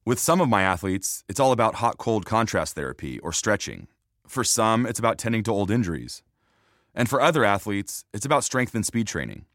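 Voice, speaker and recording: Male podcast host for scripted narration, lively intonation, slightly low voice, close dry sound. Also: brisk, dry recording.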